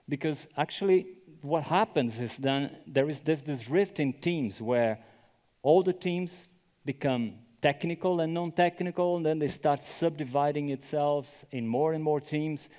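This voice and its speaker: A man's voice: medium pitch, a little mellow. A man from Brazil giving a conference talk, chatty, often asking the audience "right?". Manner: conversational, often checks with "right?". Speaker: conference speaker. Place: conference venue. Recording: echoey hall reverb.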